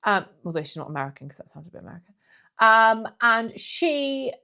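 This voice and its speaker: A woman's voice: on the high side, very animated, fairly quick, gravelly, sharp tone. A woman, co-hosting a podcast in a blunt, ranting, laughing manner. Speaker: podcast co-host. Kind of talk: casual podcast chat.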